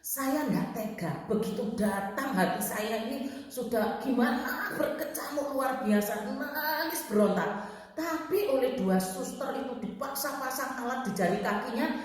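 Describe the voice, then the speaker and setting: A woman's voice: a little high, moderate pace. A woman preaching at a church prayer meeting, retelling a story with emotion and often addressing her listeners directly. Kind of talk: sermon with a retold story. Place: church hall. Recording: echoey church hall, long reverb.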